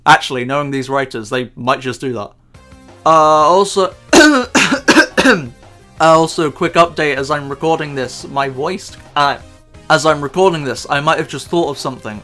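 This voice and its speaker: A man's voice: a little high, expressive, moderate pace, pushed and bright, soft background music. A man ranting about a film in sarcastic, profane, exasperated commentary. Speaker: YouTube commentator.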